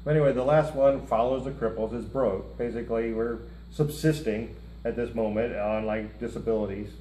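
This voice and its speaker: A middle-aged man co-hosts a music reaction show, chatting casually and rambling with joking asides while seated at a table before a lit curtain indoors. His mid-range voice is steady, dark and at normal speed, recorded in a roomy space with faint hiss.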